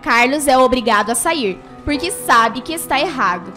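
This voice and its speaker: Woman narrator for a radio soap opera, fairly high voice, scripted storytelling. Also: lively intonation, moderate pace, bright, forceful tone, faint music behind.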